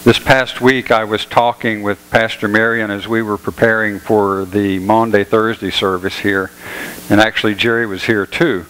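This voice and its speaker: A pastor giving a sermon in a church, telling jokes in an easygoing, folksy way. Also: male voice, lowish voice, little pitch movement, moderate pace, fairly bright tone, smooth, in a large hall, low-quality recording. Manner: folksy storytelling, easygoing humor. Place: church sanctuary.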